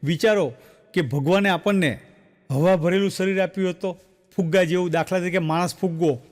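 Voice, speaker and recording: A man with a Gujarati accent telling jokes on stage as a stand-up comedian, animated and acting out the voices in his stories. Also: high-pitched, brisk, big-room sound.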